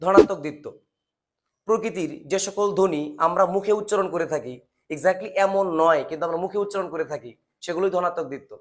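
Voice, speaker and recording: A man's voice: high-pitched, fast talker, noisy background. A man teaching a grammar lesson, asking rhetorical questions and answering them himself.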